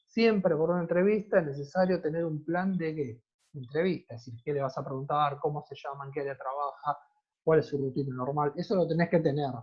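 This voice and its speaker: A man's voice: a little high, steady tone, a little fast, lo-fi sound. A man with an Argentine accent teaching a class online, often checking in with his students and asking questions that he answers himself. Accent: Argentine Spanish. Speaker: university teacher.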